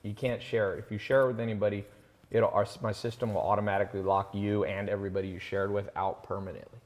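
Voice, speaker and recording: A man's voice: lowish voice, little pitch movement, fast, long reverb tail. A man hosting a live online sales talk, chatting casually, boasting and reading out viewers' names. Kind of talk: casual live-stream pitch.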